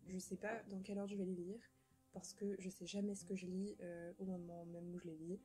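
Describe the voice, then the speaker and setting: A woman's voice: fairly low pitch, flat delivery, fairly quick, dark tone, faint music behind, rough recording. A young woman chatting casually about books she plans to read, rambling and joking at herself, with many fillers and restarts. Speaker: book vlogger. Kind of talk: casual chat.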